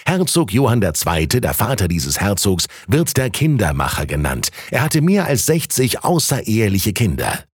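A man's voice: fairly low pitch, sing-song, moderate pace, few pauses, husky, dry recording, clean studio sound. A man voicing a knowing male townsman who explains things to a neighbor in a confiding tone.

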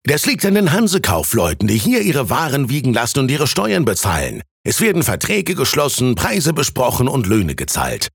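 An eager young student , as a male storyteller puts him on, talks with a raised, animated voice that swings widely. The tone is raspy with a gravelly edge, close and dry. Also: mid-range voice, moderate pace, hardly any pauses, no echo, voice pushed up, exaggerated voice. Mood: lively.

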